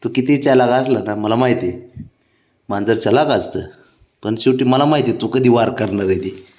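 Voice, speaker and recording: A man's voice: medium pitch, moderate pace, a little mellow. A man coaxing his cats to take their medicine, slipping between plain remarks and sing-song baby talk. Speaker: cat owner. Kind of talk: casual vlog talk to pets.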